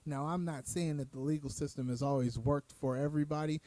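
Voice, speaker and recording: A man's voice: fairly high pitch, steady tone, brisk, mellow, no echo. A man hosting an online show, delivering a heated, emphatic opinion rant with profanity and repeated phrases. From United States. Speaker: show host.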